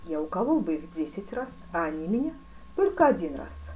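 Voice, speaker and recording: A woman voicing a composed, polite fencing master in an audiobook, speaking quietly and with deference. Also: fairly low pitch, sing-song, fairly quick, rough recording. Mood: deferential. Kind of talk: audiobook character reading.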